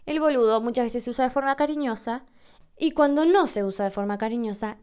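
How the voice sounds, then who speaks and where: A woman's voice: a little high, a little fast, a little mellow. A woman from Argentina with an Argentine Spanish accent, hosting a podcast and patiently explaining language questions from listeners. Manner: clear, patient, explains step by step.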